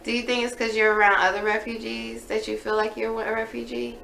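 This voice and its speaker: Creaky-voiced woman interviewing in an echoey room. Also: on the high side, a little fast. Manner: relaxed, probing follow-up questions, gently teasing. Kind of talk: casual one-on-one interview. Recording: echoey room with faint background noise.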